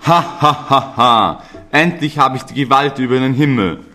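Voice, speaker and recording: A man's voice: mid-range voice, moderate pace, pushed and bright, lightly acted. A man playing a greedy, boastful long-nosed goblin in an amateur picture-card play. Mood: gloating. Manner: blustering, boastful. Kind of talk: amateur musical theatre reading.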